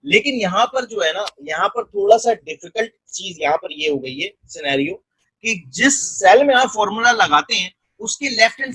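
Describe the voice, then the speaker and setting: A man with a husky voice, walking through a spreadsheet tutorial step by step and checking in often. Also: high-pitched, bright, forceful tone, dry recording, rough recording. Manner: step-by-step, frequent check-ins. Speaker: software tutor. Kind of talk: screen-recorded tutorial narration.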